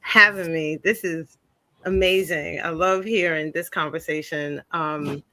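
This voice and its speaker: Female panel guest, bright forceful voice, dry close sound, emphatic delivery. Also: deep voice, fairly even intonation, measured pace, no room sound, rough recording. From Queens, New York. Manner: emphatic, punctuates points with "right?" and "okay?". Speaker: guest speaker. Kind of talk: impassioned panel talk.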